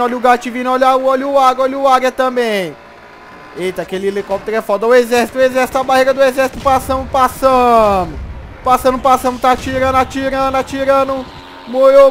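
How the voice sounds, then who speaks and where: High-voiced excited gamer man. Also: slight background noise. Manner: excited, repeats every phrase twice, slangy. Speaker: gameplay commentator. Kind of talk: casual gameplay commentary.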